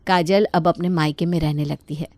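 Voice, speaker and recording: A woman's voice: deep voice, normal speed, no room sound. Woman narrating a cartoon story. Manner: steady, plain storytelling.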